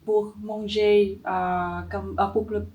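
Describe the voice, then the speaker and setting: A young woman with a Vietnamese accent answers interview questions slowly, stopping often to find her words. Her voice sits in a middle pitch. She speaks from a little way off the mic. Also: little pitch movement, recorded from a distance, lo-fi sound. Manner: hesitant, many pauses and fillers. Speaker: interview guest, entrepreneur.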